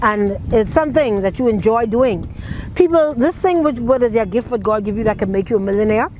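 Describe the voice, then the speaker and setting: A Bahamian woman poet with a fairly high voice, reciting dialect verse and speaking about her craft. She tells things in a rhythmic, storytelling way full of vivid island phrasing. Faint noise sits under her voice. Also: lively intonation, brisk, darkish tone, low-quality recording.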